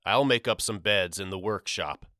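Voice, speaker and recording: A man's voice: sits low, moderate pace, pushed and bright, no room sound, clean studio sound. A man voicing a frightened, stern widowed father of three boys in an audiobook, speaking tersely and mumbling. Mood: worried. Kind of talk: audiobook character voice.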